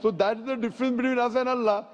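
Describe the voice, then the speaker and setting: A man's voice: extremely high pitch, steady tone. Man lecturing in an echoey hall. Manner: measured, explanatory, emphatic. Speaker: speaker answering audience questions. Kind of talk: public lecture Q&A. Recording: echoey hall, dull lo-fi sound.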